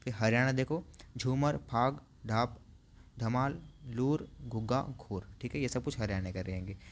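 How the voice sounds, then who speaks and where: A male teacher giving an online class, reading out long lists, slowing down on hard names and adding frequent fillers. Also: mid-range voice, a little hiss or hum. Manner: reads out lists, adds frequent "theek hai" fillers; slows down to spell out hard names.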